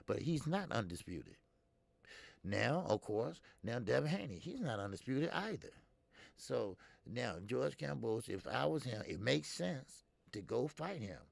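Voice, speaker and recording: A man's voice: medium pitch, creaky, no room sound. A man in his fifties hosting a casual boxing talk stream, blunt and talkative, answering viewers' comments as he goes. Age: 50s. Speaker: boxing show host.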